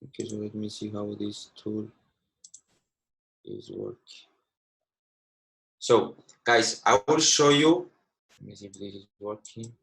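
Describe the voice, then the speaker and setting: Over a video call with rough audio, this Cypriot man in his twenties, a native Greek speaker, gives a live online trading lesson. His lowish, creaky voice is expressive and fairly bright, unhurried, with frequent pauses. He leans on "okay" a lot and his English is slightly broken.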